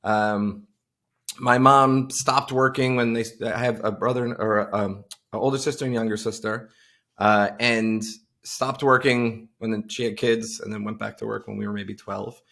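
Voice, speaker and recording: Gravelly guy from long island rambling thru his career on a video call, lots of uhs and restarts. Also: on the low side, steady tone, measured pace, a bit bright. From Long Island, New York. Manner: rambling, many fillers and restarts. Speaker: podcast guest. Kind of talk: casual interview chat.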